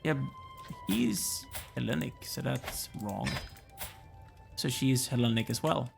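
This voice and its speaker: A man's voice: medium pitch, slow pace, vocal fry, music in the background. A tired, yawning man casually commenting as he plays a strategy game, musing aloud and chatting to the characters on screen. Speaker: let's play gamer.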